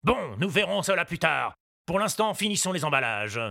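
A man's voice: fairly high pitch, very animated, normal speed, creaky, bright, forceful tone, no echo, clean studio sound, pitched above the performer's own voice, exaggerated voice. A man voicing a stern, wealthy father who runs an arms factory in a storybook reading.

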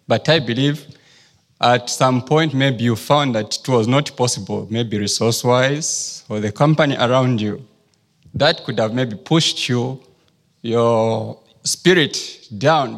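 Formal man from Zambia asking a question. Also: mid-range voice. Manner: formal, polite. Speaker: audience member asking a question. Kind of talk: audience question. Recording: reverberant hall.

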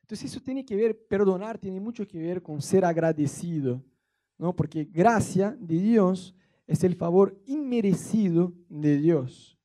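A man's voice: high voice, animated, unhurried, warm tone. A man with an Argentine accent preaching a sermon in a playful, colloquial way, mixing jokes into his teaching. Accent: Argentine Spanish.

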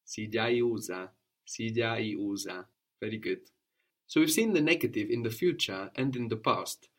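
A man's voice: lowish voice, a little slow, a bit bright. A man teaching a one-on-one language lesson, patiently prompting questions and repeating his student's answers.

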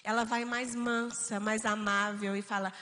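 A woman co-hosting a casual faith-based family talk, animated and acting out family members' voices. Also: mid-range voice, normal speed, long reverb tail, a little hiss or hum. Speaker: co-host of a family talk show.

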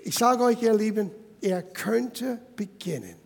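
A man's voice: high-pitched, lively intonation, a little slow, gravelly, breathy edge, big-room sound. A man preaching a sermon as pastor, emphatic and addressing the listeners directly.

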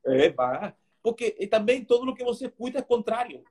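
Male pastor guest, high voice, emotional halting testimony. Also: big pitch swings, darkish tone. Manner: halting, repeats words for emphasis.

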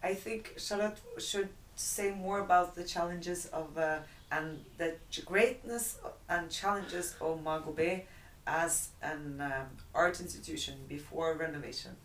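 A woman's voice: sits low, measured pace, a little hiss or hum. A woman in casual chat, hesitant and searching for her words. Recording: roomy, distant mic.

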